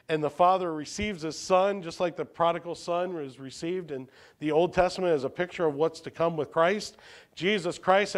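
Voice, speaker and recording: A man preaching a sermon as a pastor, posing rhetorical questions and swinging between emphatic lines and hushed ones. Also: fairly high pitch.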